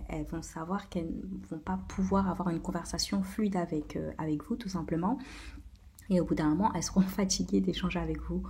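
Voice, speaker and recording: A woman's voice: on the low side, darkish tone. A woman hosting a casual explainer video, talking with many hesitations and filler sounds. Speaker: video host.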